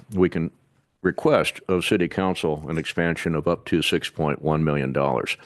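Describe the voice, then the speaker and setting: A man on city staff giving a measured, methodical briefing to a public board, now and then pausing to restart a phrase. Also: deep voice, dry recording, clean studio sound. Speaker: city staff presenter to an urban renewal board. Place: city board meeting room.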